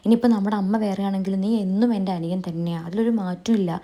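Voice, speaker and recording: A woman voicing a caring eldest brother who raised his siblings, speaking in a gentle, reassuring way. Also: mid-range voice, steady tone, quick pace, natural voice. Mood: tender.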